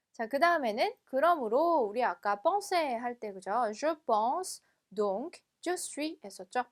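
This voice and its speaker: A Korean-speaking woman teaching French in a video lesson, explaining patiently and slowing down to model each French word. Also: a little high. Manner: asks learners "그죠?" after each point. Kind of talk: video lecture.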